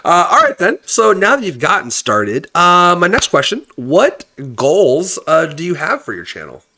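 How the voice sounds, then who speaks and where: A man's voice: sits high, wildly swooping pitch, normal speed, pushed and bright. A man hosting a podcast over a video call, asking long rambling questions full of fillers. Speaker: podcast host. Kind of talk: casual podcast interview.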